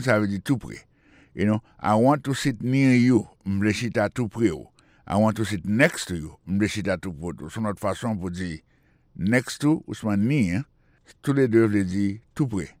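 A man's voice: fairly low pitch, no room sound, clean studio sound. A man teaching English on the radio, patiently repeating phrases and spelling out words. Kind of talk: explanatory radio lesson.

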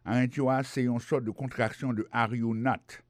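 A man with a Haitian Creole accent teaching English as a language lesson, explaining in Creole and French and reading English phrases slowly and a little louder. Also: mid-range voice, steady tone, dry recording.

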